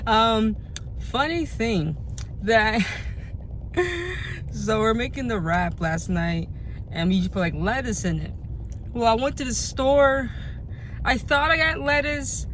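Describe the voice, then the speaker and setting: A young woman chatting casually through a food vlog, talkative and animated, laughing often. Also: fairly high pitch, takes it slowly, long pauses, slight background noise. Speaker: vlogger. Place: in her car, then at home.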